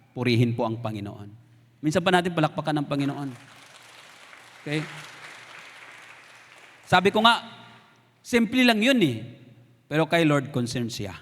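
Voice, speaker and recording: A man's voice: a little high, big-room sound. A man with a Filipino accent preaching a sermon, telling personal stories and acting out what people said. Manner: storytelling, animated, acts out quoted lines. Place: church sanctuary.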